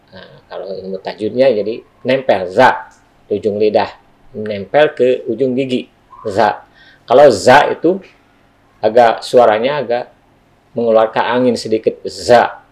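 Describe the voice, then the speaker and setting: A man's voice: lowish voice, gravelly, darkish tone, slightly rough. A man teaching a recitation lesson to students in a school studio, explaining patiently with frequent "ya" tags.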